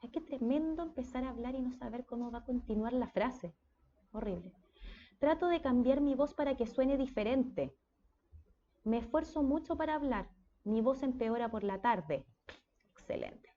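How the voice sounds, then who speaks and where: Woman, Chilean accent, speech therapy lecturer, casual and chatty, slightly high voice, muffled recording. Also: animated, normal speed. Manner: conversational, checks in with frequent "¿ya?".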